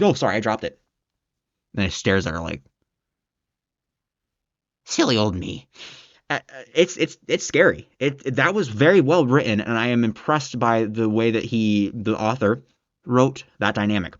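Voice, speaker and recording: A man in a middle register reviews a book off the cuff, cursing often and pushing his voice higher as his exasperation builds. The recording is muffled and lo-fi, with a dead, dry sound and no room around him. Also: no echo. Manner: profane, exasperated ranting, voice climbing when worked up. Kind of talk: casual spoken book review.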